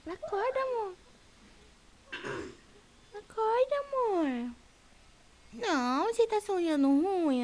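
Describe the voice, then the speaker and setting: A young mother gently coaxing her baby awake in soft, sing-song baby talk. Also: very high-pitched. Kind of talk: home video baby talk.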